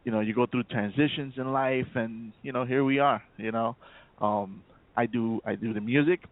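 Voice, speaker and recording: A South Bronx, New York rapper guests on a casual radio interview, speaking in a mid-range voice with a steady tone at a moderate pace. He repeats words in stammers and leans heavily on "you know." The phone line sounds tinny and dry.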